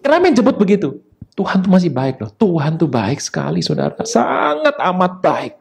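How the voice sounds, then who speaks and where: A man preaching a sermon, talking in a lively way with sudden high emphatic rises and quick asides. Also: creaky. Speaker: pastor.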